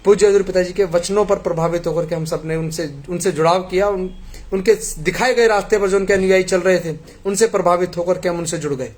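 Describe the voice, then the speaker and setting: A man's voice: sits high, fairly even intonation, fairly quick. A middle-aged man from India earnestly pleading with a congregation, telling parables in a devotional appeal.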